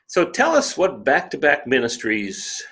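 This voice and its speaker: A man's voice: mid-range voice, huge pitch swings, unhurried, a bit bright. A man hosting an interview show, welcoming his guest and asking questions with enthusiasm. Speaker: podcast host. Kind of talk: conversational interview.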